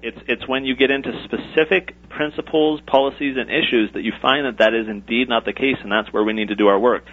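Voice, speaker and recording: A man's voice: mid-range voice, fairly quick, hardly any pauses. A man speaking as an author and regular radio guest, articulate and lecturing. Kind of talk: political talk radio discussion. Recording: thin phone-like radio audio.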